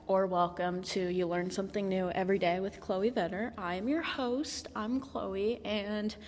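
An eighteen-year-old woman hosting her podcast, telling a casual story in a rambling way full of restarts and fillers. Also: mid-range voice. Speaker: podcast host. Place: echoey room. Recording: echoey room with long reverb.

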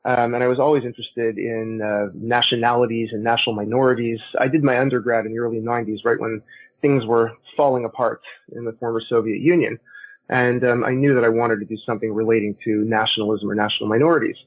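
Male interview guest, Canadian accent, slightly rough voice, talkative, heard over a tinny phone connection. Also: mid-range voice, fairly even intonation, quick pace. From Montreal, Canada. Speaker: guest, historian and author. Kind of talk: conversational interview answers. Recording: tinny narrow phone-like line.

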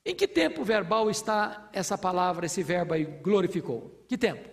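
Man, preacher, expository sermon, rhetorical questions, fervent, gravelly. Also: high-pitched, sing-song, normal speed. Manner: teaching with rhetorical questions, rising to fervent proclamation.

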